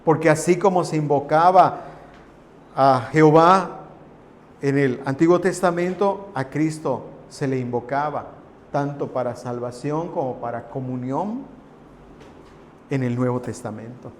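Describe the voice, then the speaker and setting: Preaching pastor in an echoing hall. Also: male voice, a little high, unhurried, slight background noise. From Mexico. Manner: preaching with swelling emphasis on key phrases. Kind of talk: sermon. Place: church hall. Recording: long reverb in a large hall.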